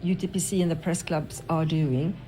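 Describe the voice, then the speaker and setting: A woman's voice: deep voice, fairly even intonation, normal speed, warm tone. A woman from Sweden giving considered, formal interview remarks as an ambassador. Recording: noisy location interview, ambient sound.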